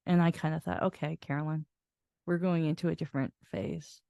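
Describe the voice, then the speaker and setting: An older woman host telling a personal caregiving story in a soft, reflective way, restarting her sentences as she goes. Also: low voice, steady tone, a little fast, vocal fry, dry recording, studio quality. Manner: reflective, soft-spoken with frequent laughs and restarts.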